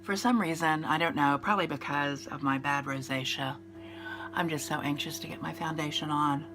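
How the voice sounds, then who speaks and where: Against a noisy background, a congested beauty vlogger in her fifties rambles casually through a makeup tutorial, nasal from a cold and using fillers and restarts. Her voice is low, with fairly even intonation at a normal speed.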